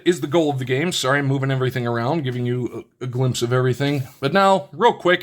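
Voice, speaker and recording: A medium-pitched man reviews a card game on his own channel, offering casual unboxing commentary. Hiccuping as he goes, he reads the rules and arranges the pieces, thinking aloud with many restarts and asides.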